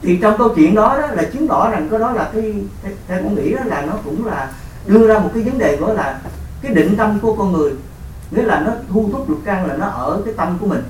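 A man asks a monk a question, speaking haltingly and deferentially. He is picked up from a distance in an echoey room. Faint noise sits behind his voice. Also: high voice, lively intonation. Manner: halting and deferential, many pauses. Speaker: questioner at a dharma talk.

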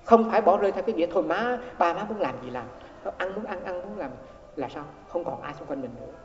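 A man's voice: sits high, expressive, quick pace, a little hiss or hum. Man preaching in an echoey hall. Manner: storytelling, repeats words, acts out quoted exchanges. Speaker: Buddhist monk teacher. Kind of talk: dharma talk sermon. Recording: echoey hall, dull lo-fi sound.

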